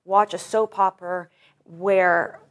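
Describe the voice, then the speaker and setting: A woman's voice: on the low side, steady tone, slow. A woman in her thirties, who grew up in Russia, is interviewed as a professional wrestler, speaking enthusiastically and rambling with many restarts. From grew up in Russia, born in Florida. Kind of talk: casual interview.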